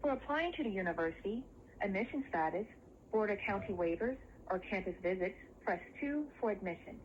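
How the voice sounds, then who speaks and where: A woman's recorded phone menu message, announcing options in an even, formal way over a phone line. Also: medium pitch, fairly quick. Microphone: heard through a phone call on speaker. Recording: muffled phone line, distant, faint hiss.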